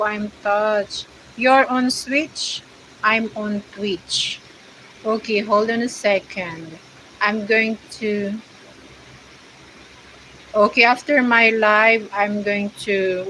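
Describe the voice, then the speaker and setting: A Filipino woman with a Filipino accent hosts a livestream as a vlogger, chatting casually and reading viewer comments in hesitant English packed with fillers. Her mid-range voice has a sharp tone, and the poor audio carries slight background noise.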